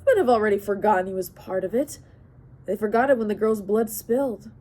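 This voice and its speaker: A woman's voice: medium pitch, darkish tone, lightly acted. A woman doing a wry, cunning king. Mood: wry, measured. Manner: measured, wry, unhurried. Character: cunning, calm older male king and counselor.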